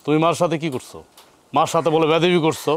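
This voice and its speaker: A man's voice: a little high, steady tone, fast talker, lightly acted. An actor playing an angry young husband who scolds his sister-in-law, with a colloquial Bangladeshi Bengali accent. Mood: indignant. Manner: indignant, scolding. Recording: with faint background music.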